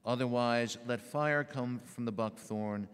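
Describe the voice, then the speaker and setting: A man leading a church service as priest, reciting prayers and readings in a measured, solemn way. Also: mid-range voice, clear, resonant tone. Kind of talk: liturgical recitation. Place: large church. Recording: echoey church hall.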